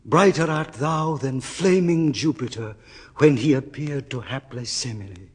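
An actor playing a desperate male scholar facing damnation, swinging from hushed, husky whispers to anguished cries. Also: mid-range voice, measured pace. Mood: enraptured. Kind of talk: classical stage acting. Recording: hall reverb.

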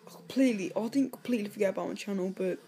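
A woman records a casual vlog on her phone, her voice mellow and soft-edged. She rambles from one thing to the next, stops herself partway through sentences and apologizes a lot. The phone video gives it a homemade, offhand feel. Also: medium pitch, soft background music. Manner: rambling, self-interrupting, quick to apologize. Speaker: vlogger. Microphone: phone camera.

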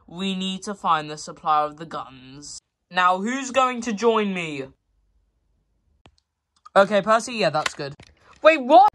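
A woman acting out every toy in a homemade toy-train story, often jumping to high, excited outbursts. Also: slow pace, pauses often.

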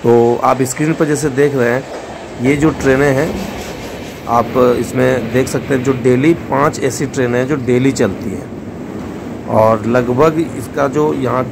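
A man's voice: medium pitch, fairly even intonation, measured pace, background noise. A man, a travel vlogger, narrating a voice-over with travel tips for his viewers. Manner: informative, gives tips to viewers.

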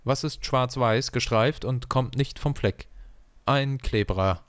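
Deadpan man with a smooth, dry voice. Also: mid-range voice, dry recording. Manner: deadpan question-and-punchline delivery, slowing on punchlines. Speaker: joke teller. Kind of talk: reading one-liner jokes.

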